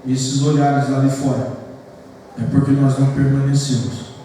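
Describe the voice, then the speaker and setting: Man, Brazilian pastor, earnest sermon, mellow tone, long hall reverb, distant mic. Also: mid-range voice, flat delivery, moderate pace, slight background noise. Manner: earnest, addresses the congregation as "queridos". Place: church hall. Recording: echoey church hall picked up from far off.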